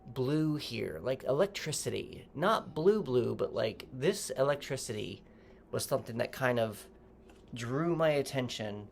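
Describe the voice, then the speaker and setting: Rambling, gently advising tarot reader. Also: medium pitch, animated, unhurried, vocal fry, slight background noise. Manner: loose and rambling, with frequent self-corrections; gently advising, speaking straight to the viewer. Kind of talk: casual tarot reading to camera.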